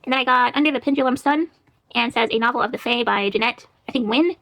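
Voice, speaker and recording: Fast-talking chatty woman book vlogger. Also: fairly high pitch, creaky, fairly bright tone. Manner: chatty, laughs often, reads blurbs aloud. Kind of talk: casual library haul chat.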